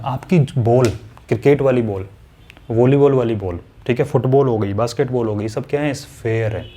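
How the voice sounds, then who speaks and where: Mellow-voiced male maths teacher. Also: mid-range voice. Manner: conversational, addresses students directly, voices their questions. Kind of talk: classroom lesson explanation.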